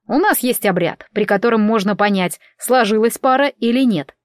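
A fussy, excitable male elf priest who lectures and exclaims in a lifted, loud voice, as a woman reads him in an audiobook. The sound is close and dry, with no room around it. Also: a little high, normal speed, dry recording, lightly acted. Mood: lecturing. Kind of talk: audiobook character reading.

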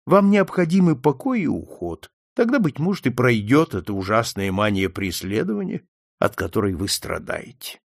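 A man's voice: medium pitch, very animated, normal speed, creaky, dry recording. A man voicing a composed, stern detective who speaks dryly and firmly, in an audiobook reading. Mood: gentle. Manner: dry, firm, sometimes gentle.

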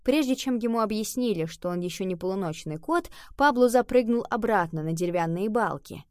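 Woman reading a kids' story, calm and even, mid pitch, dry close mic. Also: fairly quick, no room sound. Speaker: audiobook narrator. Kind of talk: scripted narration of a children's book.

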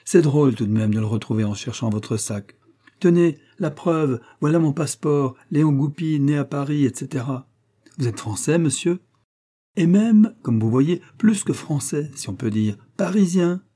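A brash young Parisian street lad, boastful and slangy, as a man puts him on for an audiobook. The voice sits higher and brighter than the reader's own. It stays husky and dark underneath. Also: animated, moderate pace. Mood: cocky. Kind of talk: audiobook reading.

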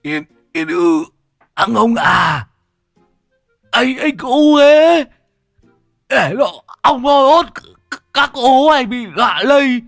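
A man voicing a loud scarred man who yells in a shrill voice. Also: expressive, slow, vocal fry, pauses often, soft background music, heavily acted. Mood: shrill yelling. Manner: shrill, shouting.

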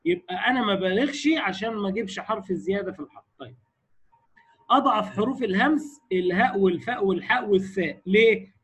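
A man with an Egyptian Arabic accent teaching Quran recitation rules to a class. He keeps asking the class quick questions and sounds out his examples slowly. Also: high-pitched, a bit bright, breathy edge, poor audio. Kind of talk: recorded lecture on recitation rules.

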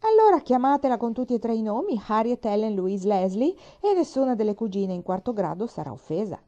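A woman reading the lines of a haughty, sharp-tongued grandmother who speaks forcefully. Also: fairly low pitch, big pitch swings, normal speed, dull audio.

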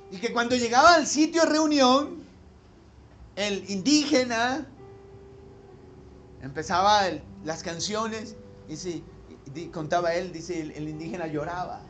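A man preaching a sermon as pastor, animated, with loud emphatic peaks and questions put to the congregation. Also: high voice, a little slow, pauses often, faint music behind.

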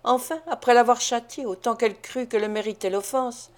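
Female audiobook narrator, slightly high, measured expressive reading of a classic. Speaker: audiobook reader. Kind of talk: scripted narration of a classic novel.

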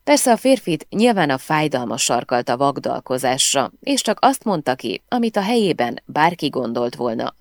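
Very low-voiced woman narrating an audiobook. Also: sing-song, few pauses, dry recording, studio quality. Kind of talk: scripted first-person audiobook narration.

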